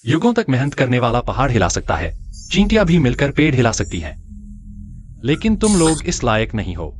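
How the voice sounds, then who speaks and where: An actor playing a poor young hero who calmly quotes proverbs at rich bullies, in a dubbed drama. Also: male voice, medium pitch, fairly quick, faint music behind. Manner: calm, proverb-quoting. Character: calm poor young hero with magic powers. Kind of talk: Hindi-dubbed drama acting.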